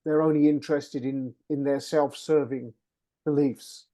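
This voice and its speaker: A man's voice: on the high side, fairly even intonation, measured pace, dark tone. A man interviewing in a reflective spiritual conversation, searching for his words and often repeating himself. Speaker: interviewer questioning a channeler.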